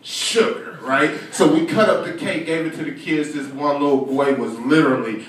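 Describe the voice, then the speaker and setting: Animated young man doing stand-up. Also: on the high side, moderate pace. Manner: animated, acts out voices, profane. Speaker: stand-up comedian. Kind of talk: stand-up storytelling. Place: comedy club stage. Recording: echoey club, far mic, audience noise. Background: audience laughter.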